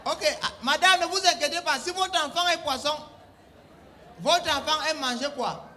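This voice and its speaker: A man's voice: extremely high pitch, normal speed, sharp tone, some chatter behind. A young adult man performs a comic one-sided phone-call sketch. He plays a bossy emergency operator who scolds his callers in mock-official phrasing. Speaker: comedian.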